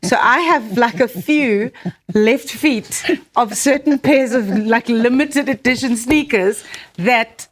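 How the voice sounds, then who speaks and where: A woman's voice: on the high side, slow pace. A woman with a South African accent co-hosting in a chatty way, bantering casually and telling stories. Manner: chatty, switches between Afrikaans and English. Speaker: radio or podcast co-host. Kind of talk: casual co-host banter and storytelling.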